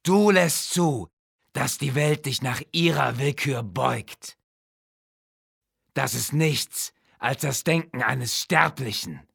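Brief: an audiobook necromancer king, read by a man, cold and arrogant, slow deliberate delivery with a gravelly edge. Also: medium pitch, fairly bright tone, no echo, studio quality, pitched above the performer's own voice, heavily acted. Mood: cold, commanding. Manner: slow, commanding, hissing menace.

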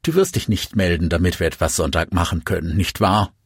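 A man reading an audiobook, voicing an uncertain, pleading woman in a raised, husky voice. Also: deep voice, lively intonation, brisk, no echo, studio quality, exaggerated voice. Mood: sad.

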